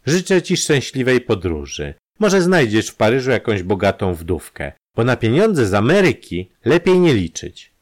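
A proud, wealthy woman with a sharp, ironic tongue, put on by a male narrator in an audiobook story. The voice is pushed up above his own low register and swings widely in pitch. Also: sing-song, normal speed. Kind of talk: audiobook character reading.

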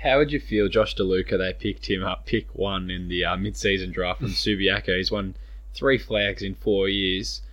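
A man's voice: low-pitched, steady tone, normal speed, fairly bright tone, highs cut off. An Australian man hosting a casual podcast, moving the talk along with questions. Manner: steers topics with questions. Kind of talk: casual chat.

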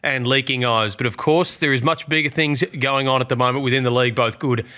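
A man's voice: medium pitch, steady tone, quick pace, bright, forceful tone. Stuffy-nosed man hosting a sports podcast. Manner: chatty, cautious on serious topics. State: nasal from hay fever. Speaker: podcast host. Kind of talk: casual sports chat.

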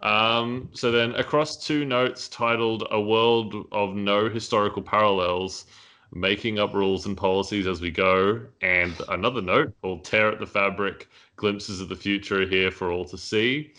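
Low-voiced male podcast host, bright and forceful, loose rambling delivery. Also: steady tone, normal speed. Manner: rambling, many fillers, laughs at own jokes. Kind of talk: casual discussion. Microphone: headphones and mic.

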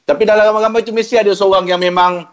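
A man with a Malaysian Malay accent hosting a casual morning radio chat, chatty and quick to laugh. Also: high voice, fairly even intonation, dull audio. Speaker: radio host.

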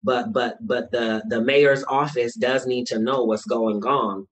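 A man's voice: mid-range voice, fairly even intonation, unhurried, fairly bright tone, poor audio. A man who runs a nonprofit and is running for school board, speaking earnestly and building to emphatic points in a casual panel chat beside a fireplace. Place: indoor room beside a fireplace.

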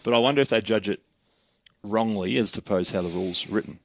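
A man's voice: lowish voice, no echo. A man hosting a casual podcast chat, joking and leading the questions. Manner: fast, joking, leads the questions. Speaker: podcast host.

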